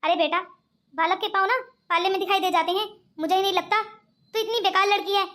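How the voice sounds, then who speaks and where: Woman doing a high, bright-voiced scheming cartoon granny, coaxing. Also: steady tone, brisk. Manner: coaxing, calls others 'beta'. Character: scheming rich old grandmother. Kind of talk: cartoon voice acting.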